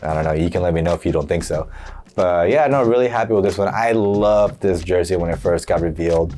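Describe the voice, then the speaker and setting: A man's voice: sits low, warm tone, slight background noise. Chatty young man with a sick voice. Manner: chatty, upbeat, filler-heavy. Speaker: jersey collector vlogger. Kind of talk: casual show-and-tell.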